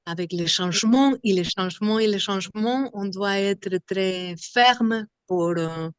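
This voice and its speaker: A woman from Argentina with an Argentine Spanish accent, a Spanish native speaker, talking slowly in an interview about her vocal workshops and searching for words often. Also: mid-range voice, smooth, no room sound. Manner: halting, searching for words, many fillers. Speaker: singer and vocal workshop leader.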